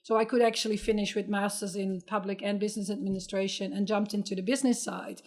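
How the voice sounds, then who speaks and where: A woman's voice: mid-range voice, flat delivery, fast talker, darkish tone. A middle-aged woman from the Netherlands with a Dutch accent, telling her life story as a podcast guest in an earnest, reflective way. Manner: earnest, reflective, with light laughs and restarts. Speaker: podcast guest, sustainability entrepreneur. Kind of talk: conversational interview storytelling.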